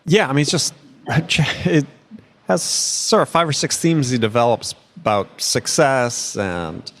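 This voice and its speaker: A male podcast host in casual talk, rambling with many restarts and chuckles, going hoarse after a long day. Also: medium pitch, slow, fairly bright tone. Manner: rambling, self-interrupting, chuckles often. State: losing his voice. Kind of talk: casual conversational chat.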